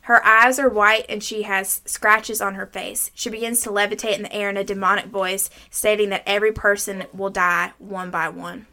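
A woman's voice: medium pitch, level tone, moderate pace, few pauses, sharp tone. A woman around her thirties hosting a movie recap, mixing scripted summary with informal, salty chat. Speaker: podcast host.

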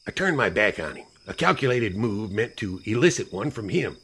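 A man reading a first-person story aloud as an audiobook narrator, with an expressive delivery. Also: on the low side, moderate pace, breathy edge.

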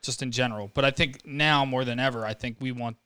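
A man's voice: mid-range voice, fairly even intonation, a little fast, pushed and bright, dry recording. A young man co-hosting a podcast in casual chat, teasing his friend and telling stories playfully. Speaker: podcast co-host.

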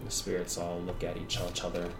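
A man's voice: deep voice, completely flat delivery, a little fast, over music. A man working as game master, narrating a tabletop game with casual asides. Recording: roomy, distant mic with background noise.

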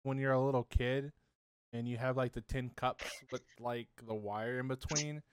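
A man's voice: medium pitch, fairly even intonation, normal speed, clean tone, no room sound. Teasing man, dry close sound. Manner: teasing, fussy about details. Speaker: podcast co-host. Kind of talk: casual chat.

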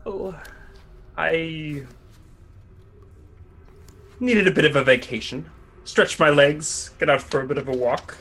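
A man's voice: a little high, takes it slowly, long pauses, fairly bright tone, pitched above the performer's own voice, full character voice. A man voicing a cocky, slyly evasive cat burglar prisoner in tabletop role-play, with playful, theatrically polite manners. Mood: playfully evasive.

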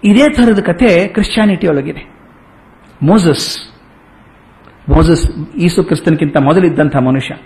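Animated older male storyteller. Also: fairly high pitch, a little slow, long pauses, low-quality recording. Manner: animated storyteller who acts out characters' lines. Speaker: spiritual lecturer. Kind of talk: storytelling discourse.

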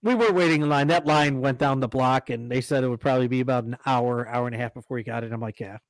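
A podcast co-host with a mid-range voice talks fast in a casual chat, rambling through stories with lots of restarts and laughter. The recording is dry, without echo.

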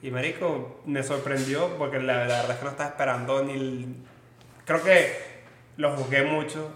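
A man's voice: medium pitch, fairly even intonation, moderate pace, fairly bright tone, a little hiss or hum. A young man with a Venezuelan accent hosting a casual chat, rambling in slang with lots of fillers. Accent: Venezuelan Spanish. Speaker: podcast host. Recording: roomy echo.

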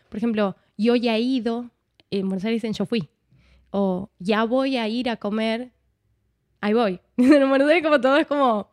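Chatty woman from argentina, actress, fairly high voice, dry close mic. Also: no room sound. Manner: chatty, frequent "¿no?", switches accents. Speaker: actress, guest. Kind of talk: casual conversation.

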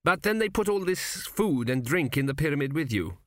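A fretful, querulous king who has just died, pitched up high and full of restless lilt, as a man puts him on. He grumbles and frets in a dry, close-sounding read. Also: big pitch swings, a little fast, fairly bright tone, no echo. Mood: puzzled, doubtful. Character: fretful newly dead male king, indignant.

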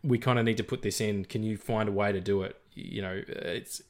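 A man's voice: fairly low pitch, fairly even intonation, fairly quick, a little mellow. A man co-hosting a film podcast, talking casually with lots of fillers, restarts and jokes. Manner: rambling, many fillers and restarts, jokey. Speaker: podcast co-host. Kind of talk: casual film review chat.

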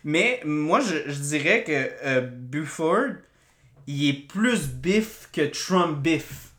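A woman with a Québécois French accent, co-hosting a casual podcast chat, animated and swearing, with lots of fillers and loud laughs. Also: low voice, takes it slowly. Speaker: podcast co-host. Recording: echoey room.

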